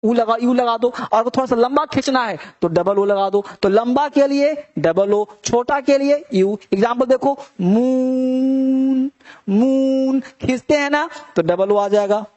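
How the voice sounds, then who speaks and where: A man teaching an English spelling lesson, mixing Hindi with English phrases and slowly repeating words to draw out their sounds. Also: extremely high pitch, darkish tone, dull audio. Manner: mixes Hindi with English phrases, calls students "beta".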